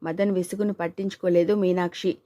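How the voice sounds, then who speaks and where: A woman's voice: on the low side, flat delivery, a little fast, dark tone, dry recording. A woman narrating a family story as an audiobook and voicing its characters in her own voice. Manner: reads all characters, male and female, in her own voice.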